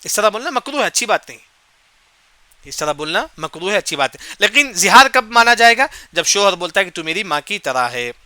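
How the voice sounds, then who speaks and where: A man with a high, very bright and forceful voice teaches a Quran commentary lesson. He keeps posing questions and answering them himself, repeating each point. The sound is close and dry. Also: big pitch swings, no echo. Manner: asks and answers his own questions, repeats key points; recites short Arabic verse phrases then glosses them.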